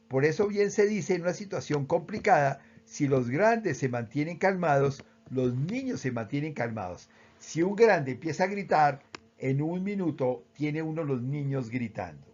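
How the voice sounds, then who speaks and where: A man with a Colombian accent, calmly explaining how emotions work with everyday examples. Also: on the high side, muffled recording. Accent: Colombian Spanish. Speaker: speaker on emotional education. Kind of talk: explanatory talk.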